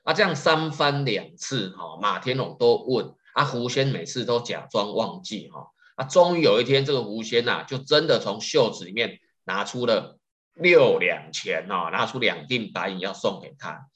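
A man's voice: on the low side, lively intonation, fairly bright tone. A man, hosting a podcast and chattily retelling a folktale. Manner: chatty, loads sentences with drawn-out particles. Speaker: podcast host.

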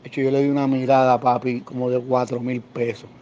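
A Puerto Rican man spins casual, slangy stories from his security guard days, jumping into the voices of the people he quotes. His voice sits at an ordinary middle pitch. The recording is dull and lo-fi, with a faint hiss underneath. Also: level tone, brisk, mellow. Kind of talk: casual storytelling.

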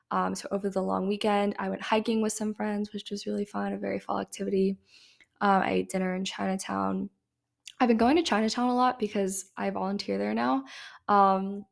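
A woman's voice: mid-range voice, gravelly. A young woman in college hosting a casual podcast, chatty and sick, with lots of fillers. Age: young adult. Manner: chatty, filler-heavy, laughing often. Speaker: podcast host. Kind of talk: casual chat.

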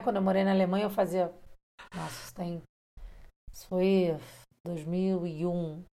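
A woman from Brazil chatting casually, telling emphatic, animated stories. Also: fairly low pitch, normal speed. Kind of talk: casual chat.

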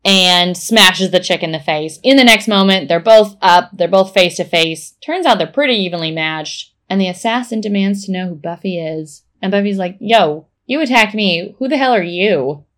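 A woman co-hosting a podcast, retelling a TV episode scene by scene in a casual, animated way. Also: lowish voice, normal speed, few pauses. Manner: animated play-by-play storytelling. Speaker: podcast co-host. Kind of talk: casual episode recap chat.

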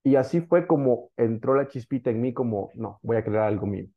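A man, a guest telling his story candidly, rambling with filler pauses. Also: mid-range voice, animated, phone-quality sound. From El Salvador. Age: 30s. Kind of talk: casual interview storytelling.

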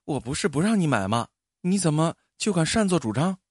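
A thrifty middle-aged wife, as a male storyteller puts her on, pitched well above his usual voice and full of lively rises and falls. She scolds quick and sharp, then turns coaxing. The sound is dry and close. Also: no echo. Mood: scolding.

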